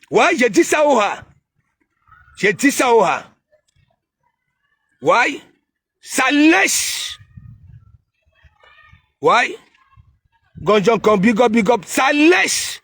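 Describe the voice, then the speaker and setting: A man with a Cameroonian accent rants to his live-stream viewers in a high, unhurried voice. He mocks and teases, and now and then breaks into loud shouts. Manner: mocking, teasing, bursts of shouting. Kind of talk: casual ranting live stream.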